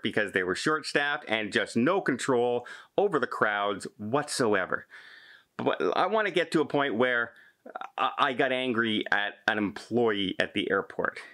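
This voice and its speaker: Animated man retelling a frustrating story. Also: mid-range voice. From Canada. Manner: exasperated, gesturing, retells arguments. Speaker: travel vlogger.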